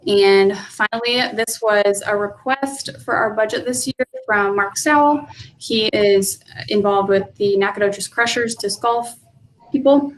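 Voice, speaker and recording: A woman's voice: medium pitch, measured pace, a little hiss or hum, poor audio. A woman giving a parks update in a meeting, her volume cutting in and out over a video call. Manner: relaxed, with frequent fillers. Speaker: parks staff giving a report.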